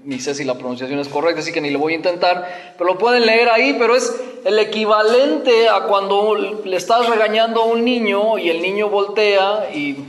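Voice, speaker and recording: A man preaching a sermon, telling stories in an animated way and acting out mocking voices. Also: high voice, moderate pace, in a large hall, slight background noise.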